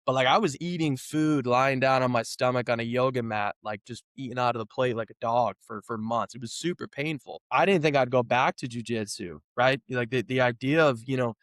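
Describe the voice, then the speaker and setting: Smooth-voiced man of thirty, dry sound. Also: mid-range voice, fairly quick, hardly any pauses, no echo. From New England. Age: 30s. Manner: relaxed storytelling with many fillers and restarts. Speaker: guest, physical therapist. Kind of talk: casual interview talk.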